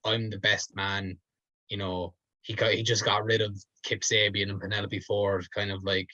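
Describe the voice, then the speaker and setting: A man's voice: on the low side, flat delivery, normal speed, sharp tone, no echo. A man, co-hosting a podcast, talking in a rambling, hedging way full of fillers. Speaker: podcast co-host. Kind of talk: casual chat. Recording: dull lo-fi dry sound.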